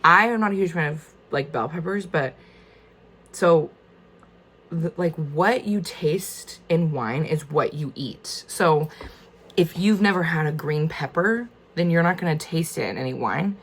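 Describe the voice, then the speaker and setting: A woman's voice: deep voice, lively intonation, a little slow, a bit bright, breathy edge. A woman talking casually and informally through a tasting, thinking aloud in a tentative, conversational way. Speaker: wine tasting host. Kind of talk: casual chatty wine tasting.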